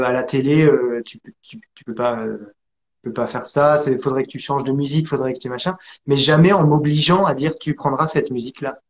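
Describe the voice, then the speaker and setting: A man from France telling his story as an interview guest, hesitant with many pauses and restarts. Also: medium pitch, muffled recording. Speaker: interview guest, acrobat and actor.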